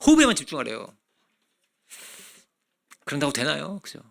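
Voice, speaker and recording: A man's voice: fairly high pitch, quick pace, vocal fry. A male pastor preaching a sermon in a conversational way, asking many rhetorical questions. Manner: acts out children's voices in animated bursts.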